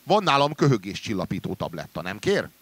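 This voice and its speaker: A man's voice: fairly low pitch, very animated, a bit bright, no room sound. A man voicing a seasoned, matter-of-fact male travel companion in a read-aloud story. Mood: coaxing.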